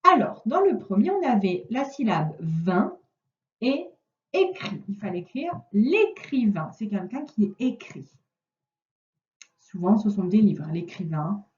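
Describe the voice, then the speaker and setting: Slow, lively-voiced woman teaching reading. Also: medium pitch. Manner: slow, clear, patient instruction addressed to one child. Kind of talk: recorded reading lesson for a child. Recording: echoey distant lo-fi room recording.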